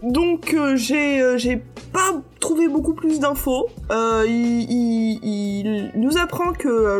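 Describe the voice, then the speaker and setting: A woman presenting her research on a podcast in a hesitant way, with many fillers and restarts. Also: on the high side. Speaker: podcast co-host presenting research on comic creators. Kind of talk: casual podcast chat.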